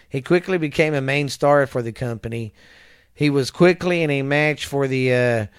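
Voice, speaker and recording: A man with a smooth, resonant voice talks through a casual recap from his notes on a close home mic. The sound is dry with no room echo. He trips over names, fixes them and laughs at himself. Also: mid-range voice. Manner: halting, stumbles over names and corrects himself; chuckles at his own slips. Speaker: podcast host. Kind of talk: casual wrestling history recap read from notes.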